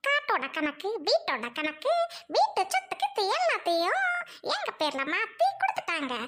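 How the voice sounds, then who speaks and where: A woman's voice: very high voice, wildly swooping pitch, normal speed, very noisy, full character voice. A woman playing a sly whining young wife. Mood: excited. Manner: pleading then sly muttering asides. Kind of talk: village family web drama.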